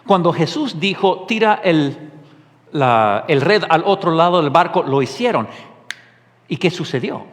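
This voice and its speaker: A man preaching a sermon as pastor, animated and full of rhetorical questions. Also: on the high side, a little slow, long reverb tail.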